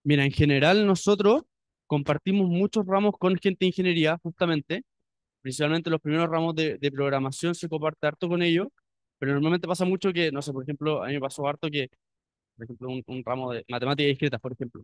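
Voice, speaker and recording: Young chilean guy rattling on fast to future students, smooth clear voice, lots of restarts. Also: fairly high pitch, no room sound. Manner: chatty, many restarts. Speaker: university student. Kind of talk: informal talk to prospective students.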